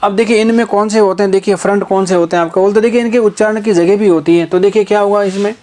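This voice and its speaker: A man's voice: high voice, steady tone, fast, darkish tone. A male teacher giving an exam-prep phonetics lesson, asking repeated rhetorical questions and drawing out example vowels.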